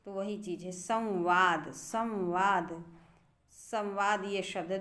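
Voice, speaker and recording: A middle-aged woman teacher explaining grammar to students, patiently repeating words slowly to show how they are pronounced. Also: mid-range voice.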